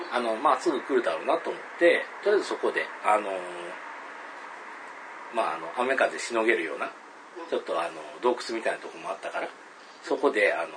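A man telling a spooky story to a listener, hesitant with many fillers and pauses, acting out calls and voices loudly. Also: lowish voice, background noise.

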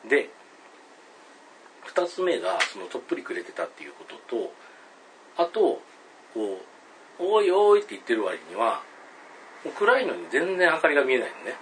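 Man, spooky storyteller, swooping lively pitch, lots of fillers, faint background hiss. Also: rough recording. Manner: hesitant, many fillers, dramatic pauses; acts out calls and voices loudly. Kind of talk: telling a spooky story to a listener.

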